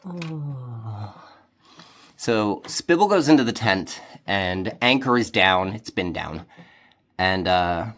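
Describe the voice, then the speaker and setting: A man narrating a solo tabletop game in a relaxed, rambling way with many fillers. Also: low voice, takes it slowly.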